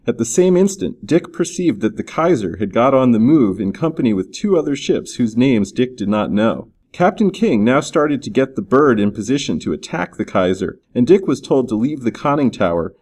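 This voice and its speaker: Brief: a man reading an adventure story aloud, mid-range pitch, lively and varied delivery. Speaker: audiobook narrator. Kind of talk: scripted narration.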